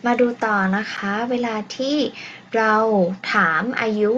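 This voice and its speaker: A woman with a Thai accent teaching an English lesson, explaining patiently in a slow, polite way. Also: fairly high pitch, little pitch movement, sharp tone, highs cut off, a little hiss or hum. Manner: patient, explains slowly, ends phrases with polite particles.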